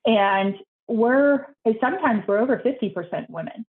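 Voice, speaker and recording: Earnest in her answers, a young female architect is interviewed as a guest over a video call, often repeating herself quickly. Excitement pushes her voice higher, and the audio comes through tinny.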